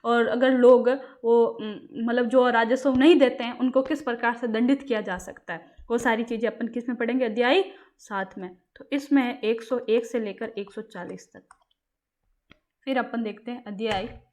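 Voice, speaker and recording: A woman's voice: a little high, steady tone, normal speed, a little mellow. A woman teaching exam-prep material in a casual lecture. She quizzes her listeners and answers herself. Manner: repeats questions to the class and answers them herself.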